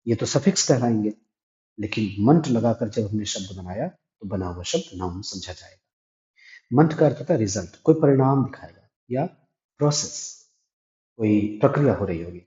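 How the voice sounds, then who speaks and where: A man's voice: on the low side, lively intonation, moderate pace, warm tone. A man teaching English grammar step by step, asking and answering his own questions. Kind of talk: classroom-style grammar lesson. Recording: echoey room, dull lo-fi sound.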